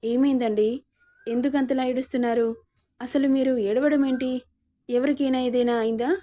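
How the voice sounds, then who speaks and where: A woman's voice: high voice, fairly even intonation, normal speed, mellow, natural voice. A woman voicing an anxious, loving young pregnant wife in a storybook reading, worried and questioning.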